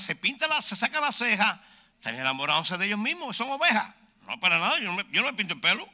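Bright, animated joking preacher around sixty. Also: male voice. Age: about 60. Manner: joking, swings between loud outbursts and low asides. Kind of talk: humorous sermon.

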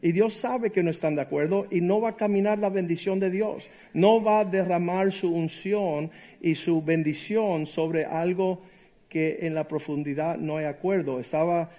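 A man's voice: sits high, normal speed, dark tone. A middle-aged man preaching a sermon, emphatic and jokey, telling personal stories and acting out the quoted voices. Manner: emphatic, jokey storyteller who acts out quotes.

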